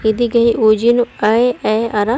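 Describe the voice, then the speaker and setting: A woman's voice: on the high side, flat delivery, slow pace, warm tone, slight background noise. A woman giving an online language lesson. She explains step by step, reads letters and example words one at a time, and often checks in with "okay". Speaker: language teacher.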